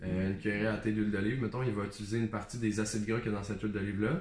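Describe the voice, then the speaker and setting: Fast-talking Québécois man. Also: lowish voice, fairly even intonation, darkish tone, roomy sound, slight background noise. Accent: Québécois French. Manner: explains in detail with self-mocking jokes. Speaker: nutritionist co-host. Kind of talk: casual chat.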